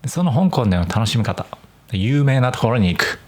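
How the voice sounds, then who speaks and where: A man's voice: mid-range voice, fairly quick. A young man from Nagoya, Japan, hosting a solo podcast for language learners. He speaks mostly standard Japanese with slight Nagoya touches, in a careful, chatty way. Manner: clear, careful explaining with a relaxed, chatty tone. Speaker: podcast host.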